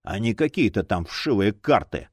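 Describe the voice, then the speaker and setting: A man voicing a brutish, greedy male champion fighter who speaks gruffly in an audiobook. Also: fairly low pitch, animated, moderate pace, dry recording, studio quality, voice pushed down.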